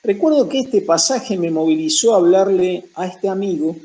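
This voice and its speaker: High-voiced Argentine man teaching the Bible. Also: expressive, normal speed, warm tone, rough recording. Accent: Rioplatense Argentine. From Buenos Aires province, Argentina. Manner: emphatic, lists points one after another.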